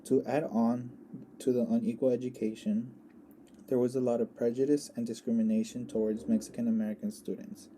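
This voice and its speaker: A young man reading a prepared class presentation in a measured, explanatory way. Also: mid-range voice, flat delivery, mellow, a little hiss or hum. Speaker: student presenter.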